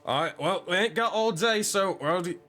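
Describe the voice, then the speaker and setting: A man's voice: high voice, a little slow, creaky, a bit bright, faint music behind. A man running a tabletop game as game master, improvising narration in an informal, sweary way.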